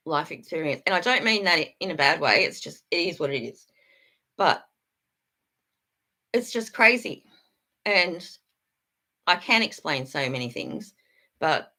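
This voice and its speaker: A woman's voice: on the low side, sharp tone. A woman chatting candidly on a livestream, rambling and blunt, swearing freely while she answers her chat.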